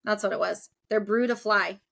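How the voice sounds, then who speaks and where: A woman's voice: medium pitch, steady tone, moderate pace, vocal fry, a bit bright. A young woman hosting a podcast in casual, chatty talk, laughing often. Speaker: podcast host.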